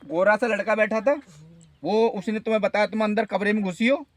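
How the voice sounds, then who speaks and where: A man with a high voice gives firm spiritual advice to a visitor. He talks in an assertive, insistent way, and often stops to check he is understood. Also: fairly even intonation, brisk. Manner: assertive, repeats "guarantee" and checks "ठीक है?". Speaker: faith healer at a shrine. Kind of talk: advising a visitor.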